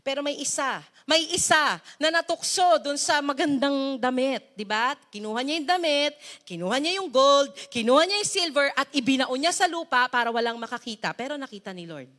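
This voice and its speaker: A woman pastor preaching a sermon, emphatic and animated, asking her listeners direct questions. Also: high-pitched, normal speed.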